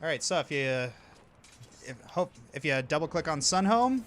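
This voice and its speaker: A man's voice: a little high, expressive, fairly bright tone, a little hiss or hum. A man narrating a tabletop game casually as game master, often backtracking on his sentences. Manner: halting, backtracking.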